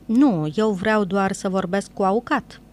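A woman's voice: medium pitch, close to an everyday voice. A woman voicing an angry young foreign boatman who speaks in broken grammar. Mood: puzzled. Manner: broken grammar, hot-tempered.

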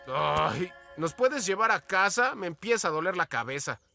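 A restless, grumpy teenage turtle ninja in a cartoon. The voice is high and forceful, over faint music. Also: male voice, big pitch swings, normal speed, creaky, exaggerated voice. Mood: grumpy, impatient. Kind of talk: animated cartoon dub acting.

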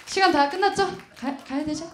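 A woman's voice: high voice, brisk, background noise. A woman who just sang on stage, humbly thanking the audience. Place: concert hall stage before an audience. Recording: echoey concert hall with loud music.

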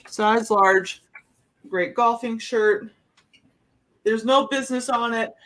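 A thirtysomething woman auctions clothes live over a desk webcam in a small bedroom, loosely rambling about every item with fillers and asides. She speaks slowly in a slightly high, fairly bright voice.

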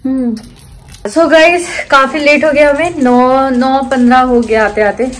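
A young woman chats her way through a casual vlog, her voice sitting a little high. She repeats words for emphasis and laughs often, and she sounds tired by the end. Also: steady tone, measured pace, poor audio. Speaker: vlogger.

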